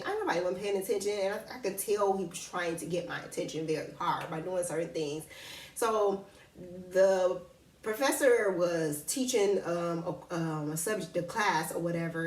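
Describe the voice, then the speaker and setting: Woman vlogger, lowish voice, blunt slangy storyteller, recorded off-mic in an echoey room. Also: recorded from a distance. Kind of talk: casual storytelling about dating and zodiac signs.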